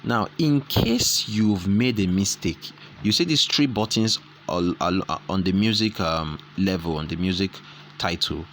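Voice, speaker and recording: Deep-voiced man explaining an app. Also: unhurried, fairly bright tone, slight background noise. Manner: rambling, self-correcting explanation. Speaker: tutorial host. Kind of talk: screen-recorded app tutorial.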